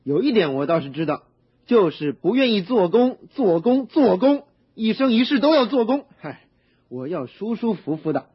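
An actor playing a reckless, spoiled young son in a radio drama, eager and boastful, pleading and giggling. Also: male voice, sits high, big pitch swings, moderate pace, husky, dull audio, full character voice. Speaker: prodigal son.

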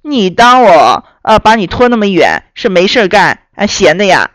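A woman voicing a big, hungry male wolf in a children's story, talking gruffly and bluntly. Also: sing-song, moderate pace, dry recording. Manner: gruff, lower and louder than the narration.

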